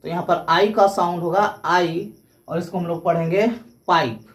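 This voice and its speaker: A woman's voice: lowish voice, fairly even intonation, normal speed. A woman teaching English pronunciation, explaining rules step by step and spelling words out letter by letter.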